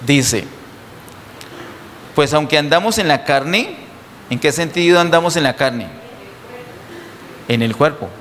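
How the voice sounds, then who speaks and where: A man's voice: fairly high pitch, fairly bright tone, slight background noise. Emphatic preacher man in a reverberant church. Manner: emphatic, asks the congregation rhetorical questions. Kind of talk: sermon. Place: church hall. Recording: distant sound with long hall reverb.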